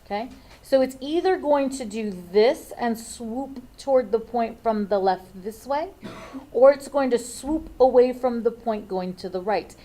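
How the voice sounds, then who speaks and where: A woman's voice: fairly high pitch, measured pace, mellow, low-quality recording. A woman teaching a math lesson, thinking aloud and checking in with frequent "okay?"s.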